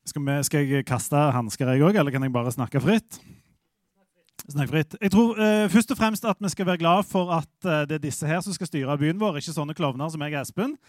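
Loud, self-mocking male commentator. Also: a little high, no echo, clean studio sound. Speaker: newspaper commentator. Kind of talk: live commentary at a public meeting.

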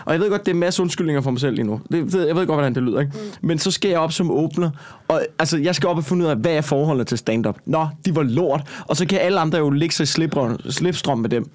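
A stand-up comedian, a man with a Copenhagen Danish accent, telling a story in a loose, rambling way, full of curses and asides. His voice sits a little higher than most men's and climbs when he gets worked up. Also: darkish tone. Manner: profane, rambling, heated. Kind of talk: casual chat, storytelling.

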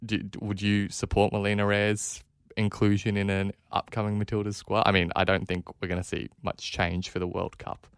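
A man's voice: on the low side, completely flat delivery, normal speed, few pauses, smooth, no echo, clean studio sound. A man co-hosting a sports podcast, asking conversational questions in wordy, carefully qualified phrasing. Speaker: podcast co-host.

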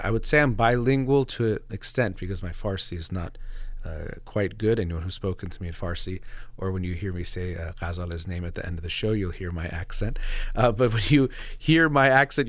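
On his radio show, a man with a fairly low voice talks on his own, reflective and explanatory, occasionally hesitating. The close-miked recording is dry.

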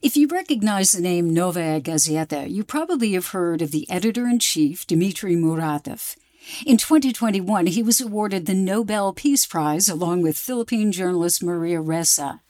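Female radio documentary reporter, lower register, dry studio sound, scripted narration. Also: lively intonation, moderate pace, warm tone, dry recording.

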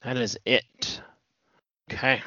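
A middle-aged man co-hosting a podcast in casual chat, a rambling, animated storyteller who restarts sentences. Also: mid-range voice, takes it slowly, no room sound, dull audio. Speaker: podcast co-host.

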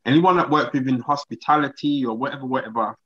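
A man's voice: medium pitch, fast, muffled recording, slight background noise. A man in a casual discussion, reasoning aloud somewhat hesitantly.

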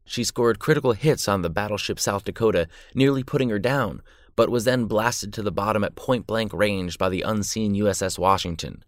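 A man's voice: lowish voice, normal speed, no room sound, clean studio sound. A man narrating war history from a script, dramatic with an irreverent edge. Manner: dramatic yet irreverent storytelling.

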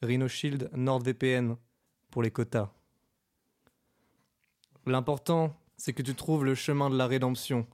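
A man's voice: mid-range voice, flat delivery, slow, pauses often, a little mellow, natural voice. A man voicing a lofty male stranger who talks in a grandiose, enigmatic way. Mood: pompous lofty.

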